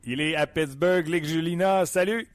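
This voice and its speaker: A man's voice: fairly high pitch, normal speed, no room sound. A man with a Quebec French accent hosting a sports radio show, asking questions with fillers and stammers. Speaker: radio host.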